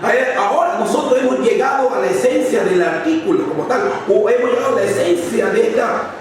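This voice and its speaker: A man's voice: very high-pitched, expressive, brisk. A man teaching a theology class as a Bible lecture, emphatic and repetitive, acting out the demon's lines. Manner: emphatic, repeats words, acts out the demon's lines. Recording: very echoey room, from far off, faint noise.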